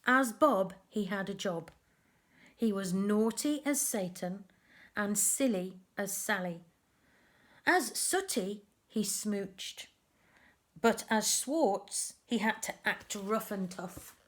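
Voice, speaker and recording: A medium-pitched woman reads to young children from a picture book, chatting about the pictures as she goes. Her delivery is expressive, with deliberate emphasis.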